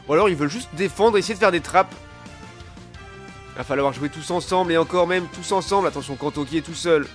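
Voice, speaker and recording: High-pitched male esports caster. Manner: colloquial, peppered with gamer slang. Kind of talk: live esports play-by-play commentary.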